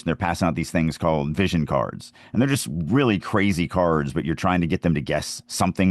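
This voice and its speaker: Hosting his podcast, this fantasy author and writing teacher shares writing tips conversationally, with strong opinions and personal stories. His low voice comes through a dry, studio-quality recording.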